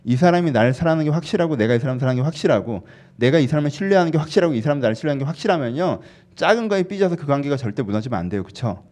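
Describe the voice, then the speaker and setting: A man preaches in a chatty, animated way, keeping the sermon conversational. His fairly high voice rises and falls a lot. He often turns to the congregation to ask if they agree. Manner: animated, acts out sulky dialogue in quick voices; conversational, asks the congregation "right?". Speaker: pastor.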